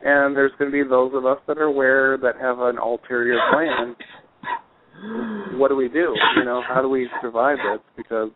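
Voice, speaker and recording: A man's voice: mid-range voice, flat delivery, normal speed, background noise. Man on a choppy, breaking-up phone call. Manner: rambling, hesitant, many fillers. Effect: choppy, breaking-up call audio. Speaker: caller. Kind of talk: casual call-in chat. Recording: tinny, dry phone line.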